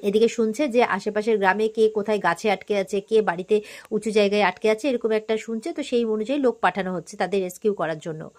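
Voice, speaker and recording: A woman's voice: mid-range voice, fast. A woman host giving a casual, chatty recap of a TV serial episode, talking through it with everyday fillers.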